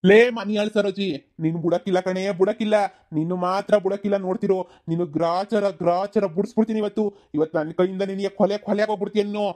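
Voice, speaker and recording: A man's voice: fairly high pitch, level tone, a little fast, lightly acted. A man doing a raging village father. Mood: furious. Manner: shouting threats, then pleading. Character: enraged middle-aged village father. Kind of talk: cartoon comedy dub.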